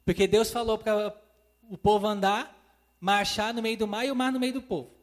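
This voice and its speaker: A man's voice: high-pitched, steady tone, moderate pace. A man preaching a sermon, calling listeners "dear ones" and acting out God's words in quotes. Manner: addresses listeners as "queridos", acts out God's voice in quotes. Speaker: evangelist preacher. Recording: long hall reverb.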